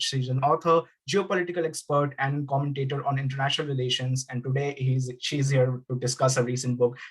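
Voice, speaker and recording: A man hosting an interview, reading a formal introduction and asking polite questions. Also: mid-range voice. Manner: formal, polite, addresses guest as ma'am. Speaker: interview host, editor.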